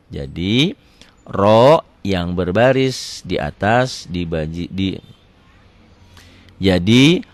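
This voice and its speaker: A man's voice: fairly low pitch, no echo. A man teaching recitation rules, patiently repeating each rule and drawing out example words. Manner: asks questions and answers them himself. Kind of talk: recorded lesson on Quran recitation rules.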